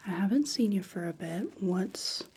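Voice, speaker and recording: A woman in a softly ASMR role-play as a folksy, chatty small-town clinic examiner. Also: medium pitch, lively intonation, moderate pace, a little hiss or hum. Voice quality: soft, breathy soft voice.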